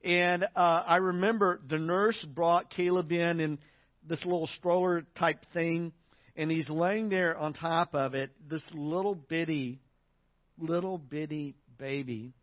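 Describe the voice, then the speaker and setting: A male pastor tells his sermon like a story, chatty and anecdotal, pushing up into louder emphatic stretches. His voice sits a little high for a man. The audio is dull and lo-fi, with a dry, close sound. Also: steady tone, a little slow, no echo. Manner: conversational, anecdotal, with fillers; builds to louder, higher emphatic passages.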